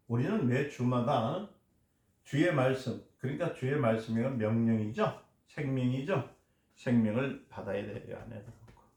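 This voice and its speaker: Speaking at a medium pitch with a darkish tone, this man delivers a sermon as pastor in a church hall whose walls throw back echo. He presses each point with emphasis and poses questions to his listeners before supplying the answers.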